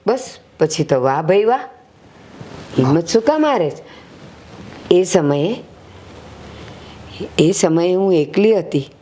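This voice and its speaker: A woman's voice: lowish voice, lively intonation, mellow, slight background noise. An actress playing an elderly mother who patiently consoles her grown son in a short film. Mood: reassuring. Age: older. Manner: slow, reassuring, motherly.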